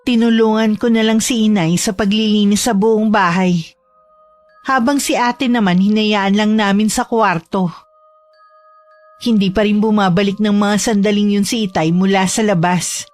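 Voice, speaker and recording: A woman narrating a horror story in a steady, measured way. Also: medium pitch, soft background music.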